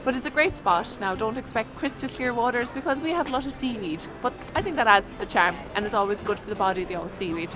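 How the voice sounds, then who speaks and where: A woman's voice: on the high side, fast, few pauses, low-quality recording. A woman from Galway with a west of Ireland accent, chatting enthusiastically as a vlog co-host over music. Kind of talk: casual vlog chat. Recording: music playing behind the voice. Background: clear background music.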